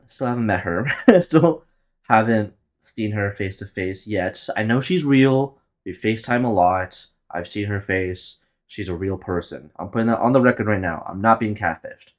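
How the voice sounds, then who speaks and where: A man nearly twenty, whose first language is Tagalog, talks in a lowish voice at a slightly slow pace. He's hosting a solo podcast, rambling loosely, swearing a lot, and laughing at his own jokes.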